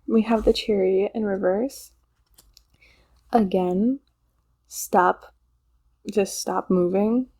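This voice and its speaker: A woman reads tarot cards for an online audience in a loose, chatty way. Her voice is warm and mellow at an ordinary pitch, and she wanders and circles back to the same points. Small laughs break into her talk. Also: fairly even intonation, slow pace, pauses often. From Poland. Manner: chatty and rambling, laughs often, repeats herself. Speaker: tarot reader. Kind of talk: casual channeled tarot reading.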